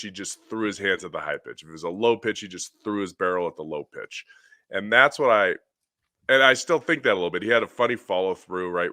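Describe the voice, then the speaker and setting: Low bright-voiced man on a podcast. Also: no echo, studio quality. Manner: animated, rambling baseball breakdown. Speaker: podcast co-host, hitting coach. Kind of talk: casual podcast chat.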